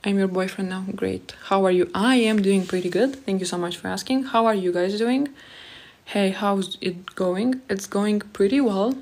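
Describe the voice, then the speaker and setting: A woman's voice: medium pitch, moderate pace, a little mellow. A young woman in her twenties from Moldova, with a Moldovan accent, whose first language is Romanian. She chats casually on a live stream from a small room at home, reading viewers' comments aloud and answering them. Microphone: phone held close at arm's length.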